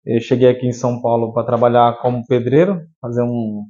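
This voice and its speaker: A man in his thirties from Piauí in Brazil, telling his life story as a guest in an interview. He speaks haltingly, restarting his sentences and filling the gaps. His voice is warm and mellow, and the recording is a little muffled. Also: mid-range voice, little pitch movement. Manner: hesitant, many restarts and fillers. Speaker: guest, entrepreneur.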